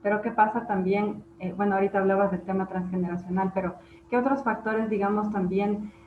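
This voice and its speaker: A woman's voice: medium pitch, fairly even intonation, a little fast. Woman, interview host, hesitant questions, phone-like sound, faint hiss. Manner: hesitant, searching questions with fillers. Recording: tinny, echoey video call line.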